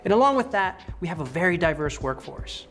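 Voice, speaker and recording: A man from Ecuador, a test and operations engineer, giving an upbeat, brisk scripted statement. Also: sits high, very animated, a bit bright, soft background music.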